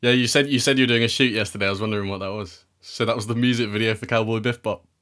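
A man's voice: lowish voice, steady tone, very fast, fairly bright tone. A man interviewing a guest casually, giving brief, encouraging reactions and questions.

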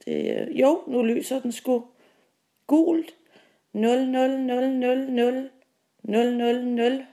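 A middle-aged woman from Denmark with a dark, raspy voice and a crackle of fry. She talks in a self-mocking, hesitant way, full of fillers. She records a personal diary at home on a handheld mic that pops. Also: on the high side. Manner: slow, reflective voice-over narration. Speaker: podcast host. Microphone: handheld mic that pops on P sounds.

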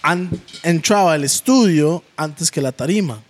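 A Costa Rican man with a slightly high voice, speaking on a casual podcast. He muses aloud and builds his point slowly.

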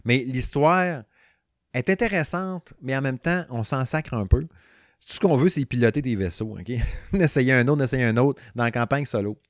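A young man with a Quebec French accent chats about a game he is reviewing. He rambles excitedly, with lots of slang and restarts. His voice is recorded very dry and close. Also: mid-range voice, normal speed, no echo. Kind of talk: casual gaming chat.

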